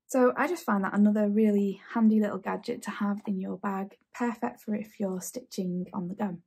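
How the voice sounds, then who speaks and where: A woman's voice: mid-range voice, fairly even intonation, moderate pace, creaky, a little mellow, slightly rough. A woman in her thirties hosting a casual sewing tutorial from her home sewing room, chatty and enthusiastic. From England. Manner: chatty, enthusiastic, repeats phrases. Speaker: sewing channel host.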